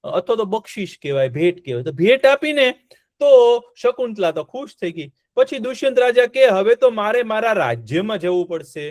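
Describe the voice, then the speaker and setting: A man telling a story to children, animated, asking them questions and repeating words. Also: high-pitched, no room sound, clean studio sound.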